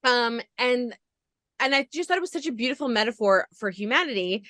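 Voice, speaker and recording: A woman's voice: a little high, expressive, a little fast, pushed and bright, dry recording. A woman podcast interviewer recapping a show with gushing enthusiasm in long run-on stretches.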